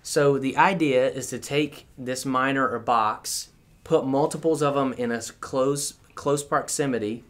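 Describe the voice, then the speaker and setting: A man's voice: medium pitch, measured pace. A man as a podcast guest, explaining step by step with everyday examples in a casual conversation.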